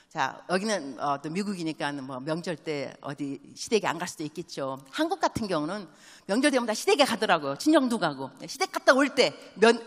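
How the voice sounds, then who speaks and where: A woman missionary with a fairly low voice preaches a church sermon in a large sanctuary, telling animated stories and firing quick call-and-response questions at the congregation. She drops English phrases into her speech, and the hall adds a long reverb.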